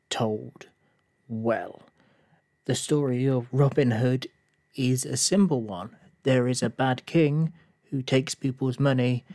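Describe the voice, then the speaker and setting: A man's voice: medium pitch, a little mellow, no room sound. Casual man hosting a film podcast. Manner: casual, hesitant with many fillers, rising into a heated rant. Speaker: podcast host. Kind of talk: solo film review podcast.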